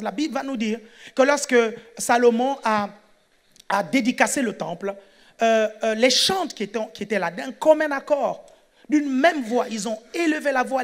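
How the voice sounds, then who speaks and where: A man with a very high voice preaches a lively sermon to a congregation. He shouts, acts out dialogue and calls for amens. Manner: animated, shouting, call-and-response with the congregation.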